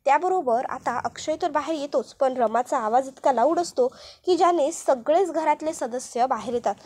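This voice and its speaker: A woman's voice: high voice, mellow. A woman casually retelling an episode's events as narrator. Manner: brisk, running retelling.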